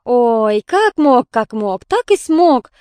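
A woman's voice: high voice, expressive, normal speed, darkish tone, no echo, clean studio sound. Woman reading a blunt, dismissive neighbor woman.

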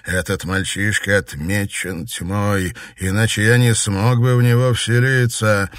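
A man doing a low, menacing demon lord. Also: fairly even intonation, dry recording, clean studio sound, natural voice. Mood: scornful. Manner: slow, hard, quiet menace. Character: cold ruthless demon lord possessing a youth.

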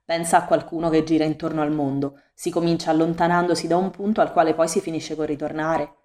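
A cool, unbothered cat who speaks with a silky, overly smooth drawl, toying with everyone around him. A woman reads him aloud in a fairly low voice, as part of a storybook audiobook. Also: fairly even intonation, fast, a little mellow, lightly acted. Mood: aloof. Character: aloof, smug male cat, cruel to prey. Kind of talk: audiobook reading.

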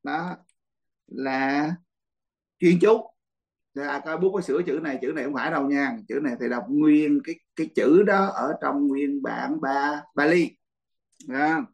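A man's voice: on the high side, a little slow, gravelly, rough recording. A man, a Buddhist monk, teaching a dharma class in a blunt, teasing way and laughing often.

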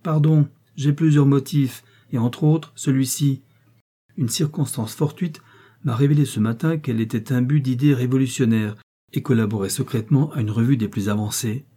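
Male narrator as a cold aristocratic prince, curt and controlled, with a dark husky voice. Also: mid-range voice, normal speed, close to an everyday voice.

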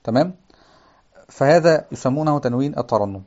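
A man teaching a grammar text to a class. He keeps asking the room questions, answers them himself, and recites lines of verse in a slow chant. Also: medium pitch, lively intonation, darkish tone, highs cut off.

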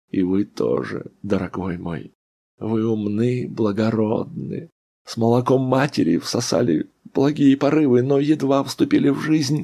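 A man's voice: low voice, darkish tone, breathy edge, heavily acted. A man voicing a frightened male doctor, confined and pleading in a trembling voice.

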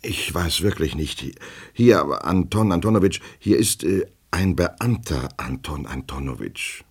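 A man's voice: low voice, expressive, slightly rough, heavily acted. A man voicing a timid, anxious male clerk who stammers and halts over his words. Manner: stuttering, halting, full of hesitations.

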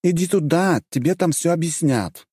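A man's voice: fairly high pitch, normal speed, dark tone, breathy edge, no echo, studio quality, pitched above the performer's own voice. A man voicing a mincing, fussy male arena bookmaker with an affected, sing-song manner. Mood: fussy, impatient.

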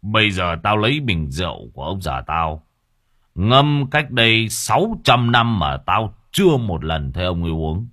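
A coarse old village drunk, performed by a male narrator. He speaks in a low, rough register, full of bluster. This is an audio story. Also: big pitch swings, normal speed, bright, forceful tone, no echo, clean studio sound, full character voice. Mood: boastful. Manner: coarse boasting, then panicked wailing.

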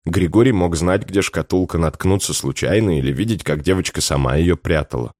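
A man narrating an audiobook in an expressive storytelling manner. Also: sits low, fairly quick, no room sound, studio quality. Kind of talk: scripted narration.

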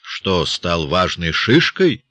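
A man reading an audiobook, playing a slow, suspicious old village headman who grumbles and curses. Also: sits low, very animated, pushed and bright, no echo, muffled recording, heavily acted. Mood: puzzled.

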